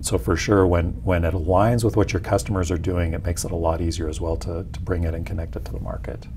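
A company executive in his forties from Peru explains things conversationally during an interview, speaking fast in a deep, level, dark-toned voice. He wears a lapel mic in a small indoor office lounge. There's a little hiss or hum on the recording.

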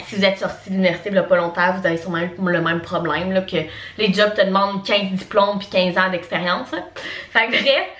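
A woman in her twenties with a Québécois French accent, vlogging in a relaxed everyday voice. She rambles along casually, stringing thoughts together with lots of fillers. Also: mid-range voice, fast talker. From Quebec, Canada. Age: 20s. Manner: chatty and rambling, heavy on fillers. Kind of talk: casual chat to camera.

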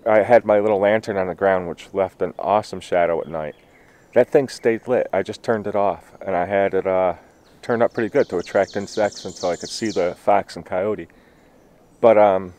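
A man's voice: deep voice, darkish tone. Chatty man vlogging outdoors in a forest. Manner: enthusiastic, chatty, thinks aloud with fillers. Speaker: nature vlogger. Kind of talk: casual outdoor vlog narration. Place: pine forest campsite outdoors. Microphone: handheld camera at arm's length.

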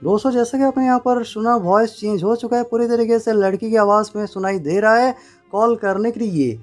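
A tech tutorial presenter walks through a phone setup step by step, instructing in a high voice at a slightly quick pace and repeating stock phrases. Faint music plays behind him.

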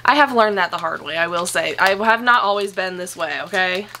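A young woman at home chatting casually through an unboxing, gushing and excitable, swearing now and then. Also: lowish voice, brisk, slight background noise. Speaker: plant vlogger.

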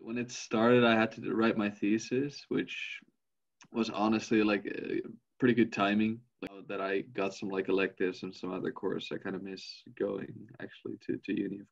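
Dutch-raised student in his twenties, halting, gravelly low voice, muffled call audio. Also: little pitch movement. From Netherlands. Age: 20s. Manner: hesitant, lots of restarts. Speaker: fourth-year student. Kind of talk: casual video call chat. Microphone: headset on a video call. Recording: dull lo-fi video call audio.

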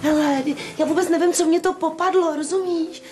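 A woman's voice: extremely high pitch, fairly even intonation, darkish tone, faint music behind. An actress playing a playful, mischievous young woman who teases and giggles. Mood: teasing. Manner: teasing, giggling.

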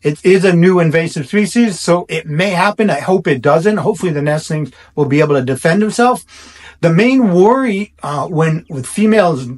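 A man's voice: on the high side, expressive, normal speed, darkish tone. A middle-aged man, a barn owl researcher, explains to camera in a reassuring way, often restarting his sentences. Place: indoor room.

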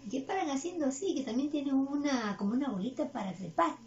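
A woman's voice: sits high, fast talker, highs cut off. A woman teaching English to preschool children online, speaking patiently and coaxing them along. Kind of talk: online class for small children.

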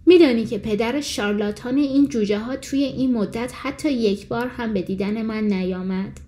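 A woman's voice: a little high, dark tone, lightly acted. Woman voicing a protective mother duck. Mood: indignant. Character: proud anxious mother duck.

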